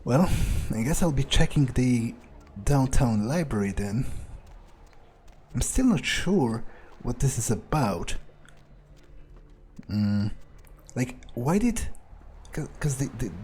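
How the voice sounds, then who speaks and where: Very animated yet taking it slowly, this man has a warm, medium-pitched voice with a breathy edge. He's voicing a jaded, cocky vampire outcast in a game, thinking aloud hesitantly, muttering and cursing.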